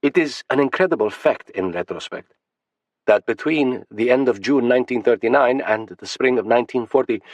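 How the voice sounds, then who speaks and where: A man with a very deep voice narrates an audiobook in the first person. His reading is steady and sober. The sound is close and completely dry. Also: no echo.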